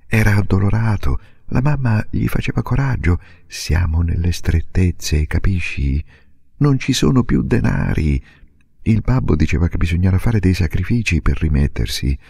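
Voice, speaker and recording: A man's voice: deep voice, gravelly, warm tone, slightly rough, no echo, clean studio sound, heavily acted. An actor playing an earnest, determined young girl who pleads and insists, in a storybook reading.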